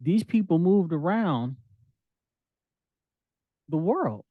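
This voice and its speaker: A man gives a relaxed scripture lesson, mixing slang with verses he reads aloud. His voice sits a little high for a man. The sound is close and dry. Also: extremely slow, no echo, narrow, tinny audio. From United States. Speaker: Bible teacher.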